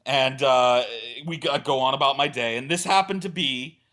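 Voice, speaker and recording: A man in a mid-range voice, at normal speed, tells a vulgar, rambling comic anecdote on a casual podcast, animatedly performing the quoted remarks.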